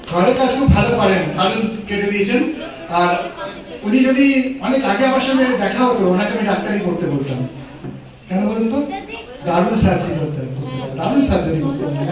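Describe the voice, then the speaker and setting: A man's voice: high-pitched, animated, brisk, long pauses. A middle-aged man performing a live magic show, talking showily to the audience and mixing English patter and counting into his talk. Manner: showy, mixes English counting and patter into Bengali. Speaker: stage magician. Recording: distant, echoey room with crowd noise.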